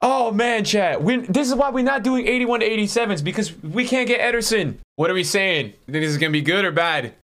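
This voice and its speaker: A young man with a fairly high-pitched voice talks to his livestream chat. He sounds like a frat bro, casual and slangy, addressing everyone as bro, dude or man while he plays. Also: expressive, a little fast, hardly any pauses, a bit bright. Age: young adult. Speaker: game streamer. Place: small room indoors.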